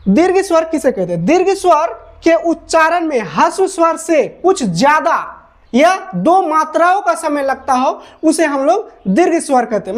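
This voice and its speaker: A woman teacher giving a grammar lesson at a whiteboard, repeating each definition and asking rhetorical questions that she answers herself. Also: high-pitched.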